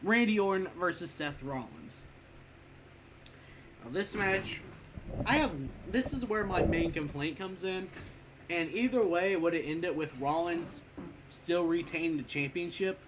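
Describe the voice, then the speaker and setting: Young man, slightly high voice, rambling, self-correcting, a bit short of breath, faint background noise. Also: unhurried, pauses often. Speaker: wrestling reviewer. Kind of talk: casual spoken review.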